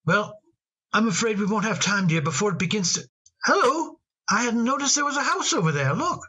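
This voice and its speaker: A man acting in an old radio drama as a tender father talking fondly to his daughter, gentle and a little halting. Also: high voice, expressive, breathy edge, exaggerated voice, poor audio.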